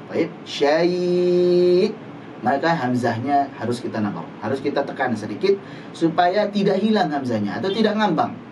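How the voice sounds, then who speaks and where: A male recitation teacher in a live online class, patiently demonstrating Arabic letter sounds slowly and repeatedly. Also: on the high side, animated, recorded from a distance, muffled recording, background noise.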